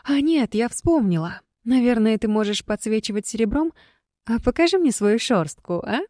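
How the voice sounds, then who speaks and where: A woman's voice: on the high side, animated, moderate pace, warm tone, dry recording, clean studio sound, close to an everyday voice. Woman playing a giddy, dazed young heroine. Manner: dreamy, childlike wonder. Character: giddy young woman, magically exhausted, babbling.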